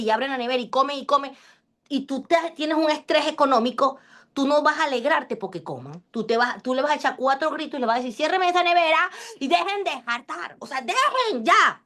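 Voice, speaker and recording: Lively woman teaching online. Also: high-pitched. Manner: lively, chatty, jokes with the class. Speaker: class instructor. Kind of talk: online lecture.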